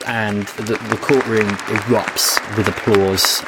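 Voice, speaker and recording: A British man narrating a tabletop game as game master, relaxed and chatty. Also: on the low side, slow pace, a loud crowd, very noisy.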